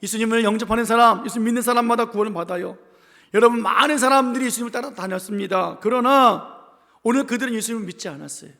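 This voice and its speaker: A man from the capital region preaches a sermon in a church sanctuary. His voice sits high and carries a gravelly fry, and a long hall reverb trails every phrase. He preaches with emphasis and leads the congregation in call-and-response. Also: fast talker, sharp tone. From Seoul capital region. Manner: acts out quoted voices in his telling. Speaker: pastor.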